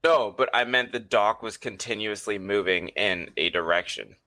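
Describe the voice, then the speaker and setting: A man's voice: fairly low pitch, normal speed, sharp tone. A young man co-hosting a casual podcast, arguing in a rambling way full of fillers over a voice-call mic. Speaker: podcast co-host. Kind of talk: casual chat. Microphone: computer mic over a voice call.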